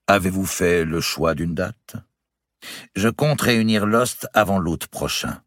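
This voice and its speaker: A man voicing an eager, vain young French king with a husky voice, reading a novel aloud. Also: deep voice, lively intonation, takes it slowly, fairly bright tone, dry recording, studio quality, voice pushed up, full character voice.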